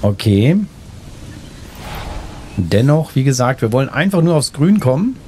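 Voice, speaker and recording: A man's voice: medium pitch, big pitch swings, unhurried, warm tone, a little hiss or hum. Man casually narrating gameplay. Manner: thinks aloud. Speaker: gaming video host. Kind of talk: casual let's play commentary. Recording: faint game ambience behind. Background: faint game ambience.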